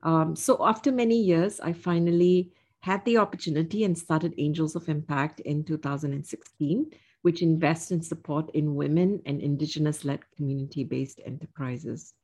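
A woman in her fifties from Singapore, speaking as an interview guest in a measured, reflective way with frequent "um" fillers. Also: deep voice, steady tone, darkish tone, husky. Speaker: guest, investor. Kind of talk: casual interview.

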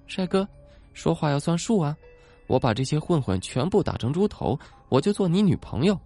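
A man's voice: on the high side, very animated, moderate pace, dark tone, soft background music, pitched above the performer's own voice. A man putting on a coy, teasing young ghost girl. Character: playful young female ghost, coy and cute. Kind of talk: storytelling narration with voices.

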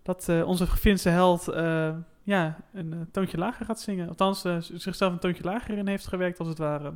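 A man co-hosting a casual football podcast, talking in a brisk, chatty and jokey way. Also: sits high, steady tone, clear, resonant tone. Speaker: podcast co-host.

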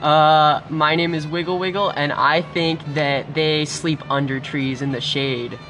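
A woman playing a gruff, hesitant quiz contestant with a voice pushed far down into a deep register. She drawls her answers at a slow, uncertain pace. Music plays clearly behind her. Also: fairly even intonation.

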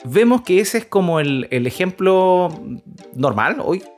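An earnest man co-hosting a faith-based parenting podcast, his voice sitting a little high for a man. He rambles, repeats words and restarts his sentences as he explains his point. Faint music plays under the talk. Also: very animated, unhurried. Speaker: podcast co-host.

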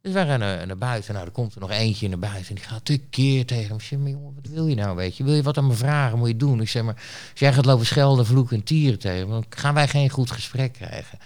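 A man's voice: medium pitch, fast talker, few pauses, a little mellow. Blunt rambling man telling a story. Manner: blunt, rambling, many fillers and restarts. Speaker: interview guest, street reporter. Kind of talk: casual storytelling.

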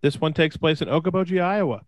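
A young man co-hosting a casual chat, telling a story in an animated way and jumping high in pitch when he quotes people. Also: fast, no room sound. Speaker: podcast co-host.

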